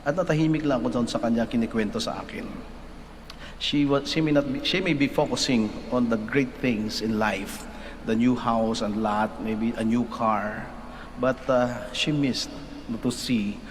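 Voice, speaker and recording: Filipino priest preaching in a big church, slow careful delivery, cathedral echo trailing off, faint noise underneath. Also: male voice, medium pitch, steady tone. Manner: measured, deliberate delivery with frequent tag "no?". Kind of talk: Mass gospel reading and homily. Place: large church. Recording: long church reverb, faint background noise.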